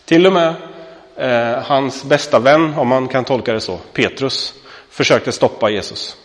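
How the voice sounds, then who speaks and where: A pastor in his thirties preaches in a loose, conversational manner, with lots of small fillers and direct questions to his listeners. His voice sits at a middling pitch for a man. The sound rings with the long reverb of a large hall. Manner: conversational, many fillers, asks the congregation questions. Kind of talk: sermon.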